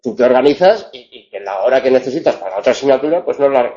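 A man's voice: medium pitch, expressive, quick pace, mellow, muffled recording. A man teaching a university class, wry and digressive, often restarting his sentences. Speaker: university tutor. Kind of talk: classroom lecture with questions.

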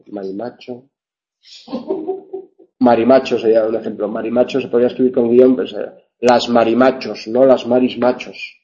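A dull lo-fi recording captures a man lecturing a class on Spanish grammar in a warm, gravelly voice of medium pitch. He works through points step by step, with many fillers and check-ins, and keeps correcting himself.

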